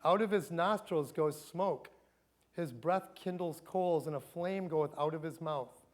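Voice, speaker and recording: A middle-aged man speaks at a school chapel in a somewhat high voice. His delivery is playful, with dramatic scripture readings aimed at young kids. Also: unhurried. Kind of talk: animated Bible talk for kids.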